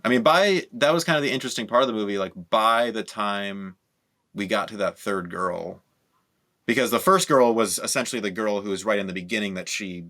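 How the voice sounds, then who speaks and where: A man talking casually with friends about a film on a podcast, lively and full of quoted reactions. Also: lowish voice, brisk. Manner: animated, talks in bursts with restarts and quoted reactions. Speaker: podcast co-host.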